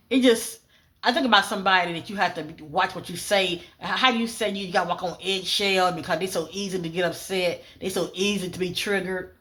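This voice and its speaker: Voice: mid-range voice, fairly bright tone. A psychic energy reader speaking casually, reeling off clipped fragment cues, repeating phrases and rereading notes aloud between frequent fillers. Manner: lists clipped fragment cues, often "I'm getting". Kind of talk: solo psychic reading, spoken monologue.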